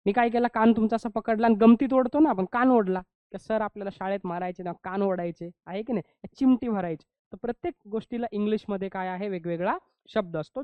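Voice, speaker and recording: A man leads a grammar lesson, checking in with his students and drawing out each English example slowly. The sound is dry and close, with a dull, muffled lo-fi quality. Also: sits high, clear, resonant tone, no echo. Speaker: English teacher.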